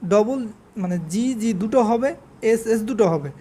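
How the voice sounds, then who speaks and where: Mellow-voiced woman teaching spelling. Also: a little high, slight background noise. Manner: spells words out slowly letter by letter and repeats them. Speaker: English vocabulary teacher. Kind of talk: spelling quiz lesson.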